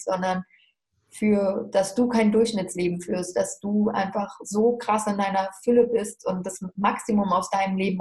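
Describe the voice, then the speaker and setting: Brief: woman guest, earnest storyteller, mid-range voice, heartfelt. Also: medium pitch. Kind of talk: storytelling in a podcast interview.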